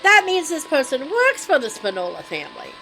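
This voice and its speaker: A woman doing a brash, teasing New Jersey mob guy, pitched up high with a lively, bouncing delivery. He drawls with swagger. A faint bed of music sits underneath. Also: fairly quick, exaggerated voice, low-quality recording. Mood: explaining. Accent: put-on New Jersey. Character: sleazy swaggering male mobster, middle-aged. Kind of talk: voicing game dialogue on a live stream.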